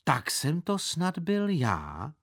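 A man doing a gruff, sarcastic father. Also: on the high side, huge pitch swings, fairly bright tone, voice pushed up, full character voice. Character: stern father questioning his son.

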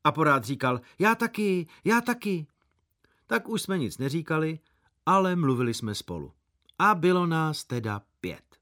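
A man's voice: on the high side, expressive, sharp tone. A man narrating an audiobook in a playful storytelling manner, also speaking the young hero's lines. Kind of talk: audiobook reading.

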